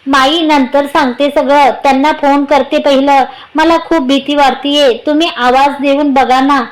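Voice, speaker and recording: A woman's voice: high voice, fairly even intonation, normal speed, lightly acted. A woman voicing a frightened, pleading young wife. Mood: urgent. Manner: urgent, pleading.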